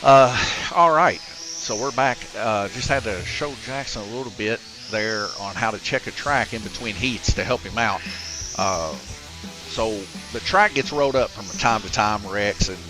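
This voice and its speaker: Low-voiced man calling a slot car race. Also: normal speed, poor audio. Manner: relaxed, chatty, with many filler words. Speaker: race commentator and track host. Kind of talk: casual live race commentary. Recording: music playing underneath.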